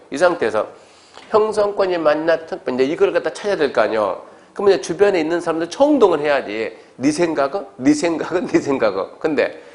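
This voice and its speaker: A male lecturer giving an exam-prep lecture in a conversational way, acting out little exchanges as he explains. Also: a little high. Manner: conversational, acts out quoted exchanges.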